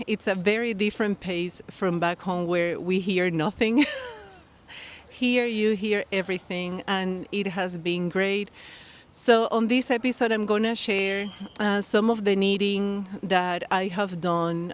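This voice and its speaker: Sitting outdoors by a pool close to the beach, a woman who hosts a knitting podcast rambles in friendly, casual vlog chat to the camera, with plenty of fillers and restarts. She's from Colombia, speaks Spanish as her first language, and talks unhurriedly in a medium pitch with fairly even intonation. Birds and nearby people fill the background.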